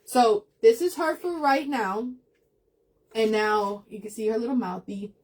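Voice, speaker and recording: A chatty woman hosts a craft livestream, talking to her viewers in a casual, rambling way as she works. Her voice sits a little high, and she slips into laughter and emotion easily. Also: a little slow, darkish tone.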